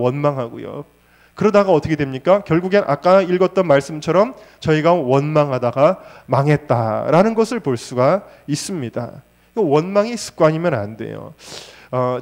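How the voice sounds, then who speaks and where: A man's voice: on the high side, darkish tone. A male pastor preaching a Sunday sermon in church, asking the congregation rhetorical questions and stressing points by repetition. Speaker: senior pastor. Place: church service.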